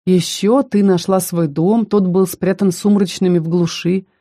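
A woman reading a stern, sensible young male student who sums things up in a measured way, in an audiobook. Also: on the low side, steady tone, dark tone, no echo, clean studio sound.

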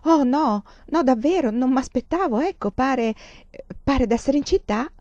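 A woman reading aloud and voicing an emotional young woman student, with breathless, halting speech. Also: mid-range voice, expressive, mellow, dry recording, dull audio. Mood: effusive.

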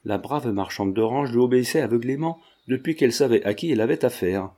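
A man narrating a classic French novel in a steady, measured reading. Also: mid-range voice. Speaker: audiobook narrator. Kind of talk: scripted narration.

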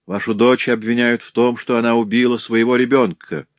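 A man's voice: medium pitch, fairly even intonation, brisk, no echo, lo-fi sound, pitched above the performer's own voice, natural voice. A man voicing a formal, grave police commissioner in an audiobook reading. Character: sober, moved police commissioner. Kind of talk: audiobook character voice.

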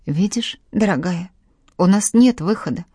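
A frightened young captive woman mumbles through tears in a low, tearful voice, as a woman reads her part. The recording is dry and close, with no room sound. It is a storybook reading. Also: animated, a little slow, mellow, husky, no room sound. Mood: tearful despair.

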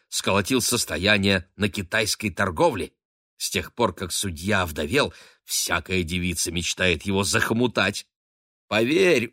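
A man's voice: mid-range voice, a bit bright, dry recording, clean studio sound, pitched above the performer's own voice. A man voicing a gushing, teasing middle-aged lady of the house who fusses over her ward. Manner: effusive, fussy, teasing.

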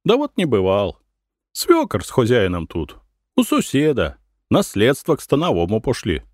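A man's voice: mid-range voice, huge pitch swings, normal speed, dry recording, clean studio sound, pitched above the performer's own voice. A man voicing a plain-spoken peasant woman at a village inn, with a drawling folk way of talking. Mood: matter-of-fact.

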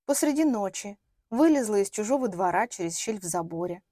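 A woman reading a first-person story aloud as an audiobook, with lively storytelling. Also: medium pitch, fairly quick, dry recording, studio quality. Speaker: audiobook reader.

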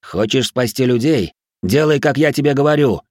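A man's voice: mid-range voice, moderate pace, darkish tone, dry recording, clean studio sound, voice pushed up, lightly acted. A man voicing the first-person hero of an audiobook, speaking urgently and insistently. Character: determined young man, urgent leader.

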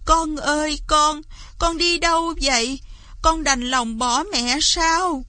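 A woman acting out a poor peasant mother, pleading in a high, strained voice. Her lines come slowly, recorded dry and close. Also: no echo, natural voice. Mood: anguished. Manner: pleading, anguished.

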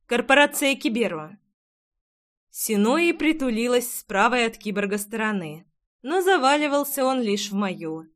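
A woman reads a first-person audiobook in a somewhat high voice. Her delivery is lively and expressive, and she stays close to the story throughout. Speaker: audiobook narrator.

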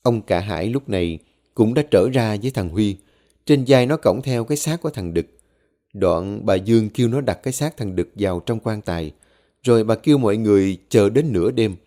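A man's voice: lowish voice, lively intonation, brisk, mellow. A man telling a scripted horror story with dramatic, tense delivery. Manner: dramatic, tense storytelling with rising and falling intensity. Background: faint background music.

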